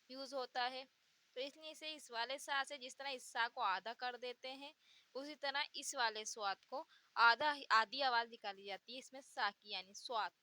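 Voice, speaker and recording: A high-pitched woman with a bright, forceful tone gives a slow pronunciation lesson on Urdu letters. She goes letter by letter, patiently repeating each sound and adding example words.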